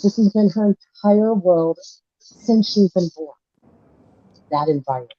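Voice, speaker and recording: A woman's voice: medium pitch, measured pace, mellow. A woman chatting bluntly on a call, her voice muffled and distant as if heard through a wall. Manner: blunt, swears casually. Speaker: livestream co-host. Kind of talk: casual group chat on a call. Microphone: Bluetooth earpiece on a call. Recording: dull, dry call audio.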